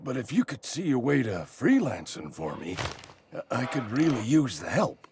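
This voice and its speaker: A man's voice: mid-range voice, wildly swooping pitch, normal speed, background noise. An actor playing a fretful, ailing old man in a video game, theatrically doleful and sure he is dying, with old-fashioned turns of phrase. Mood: anxious, pleading. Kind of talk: video game character dialogue.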